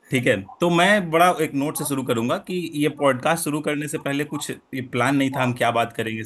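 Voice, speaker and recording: Young male podcast co-host, casual and chatty, light background hiss. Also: mid-range voice. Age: young adult. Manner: laughs often, drawn-out conversational wrap-up.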